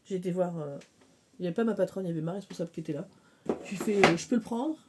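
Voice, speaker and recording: A woman chatting casually about her oracle cards, full of fillers and quick to laugh. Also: fairly low pitch, steady tone, very noisy. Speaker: cartomancy vlogger. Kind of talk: casual show-and-tell of oracle decks.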